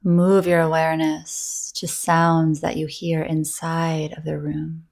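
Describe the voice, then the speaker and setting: Her voice is low-pitched and monotone as she leads a guided yoga nidra meditation. She speaks gently and breathily, soothing the listener and leaving long pauses between phrases.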